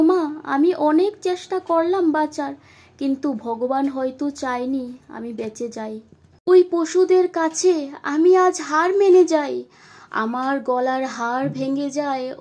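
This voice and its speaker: Woman performing a young woman's spirit: high voice, slow and pleading, tearful emotional monologue. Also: mellow. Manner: pleading, tearful, addressing her mother. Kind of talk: emotional first-person monologue.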